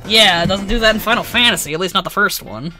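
A woman's voice: mid-range voice, fast, pushed and bright, soft background music. A woman giving casual commentary as host of a video game let's play.

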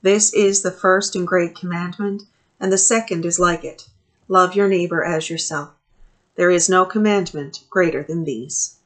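A middle-aged woman priest leading a morning prayer service from a small office, reading scripture and prayers in a measured, steady way into a webcam. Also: on the low side. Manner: measured, steady reading with pauses between phrases. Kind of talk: reading a liturgy aloud. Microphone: webcam at desk distance.

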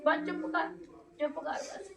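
An actress playing a middle-aged mother who hushes and comforts her son's widow over and over. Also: very high voice, fairly even intonation, measured pace, gravelly, roomy sound, far from the mic, heavily acted. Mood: consoling. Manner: soothing, repeats hushing words.

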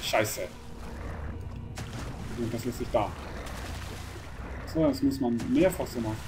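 A man commentating a horror game playthrough, excitable, urging the game character on and swearing when it gets tense. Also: mid-range voice, slow, background noise. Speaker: gaming channel host.

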